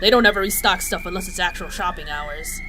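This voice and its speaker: In a sci-fi audio drama, a woman with a lowish, natural voice plays a bold, practical accomplice who makes dry quips, speaking a little fast. Faint noise of vehicles and sirens sits in the background.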